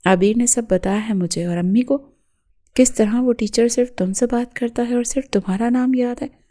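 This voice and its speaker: A woman voicing a furious, jealous young man who shouts accusations and threats at his fiancée. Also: on the high side, pitched above the performer's own voice, natural voice.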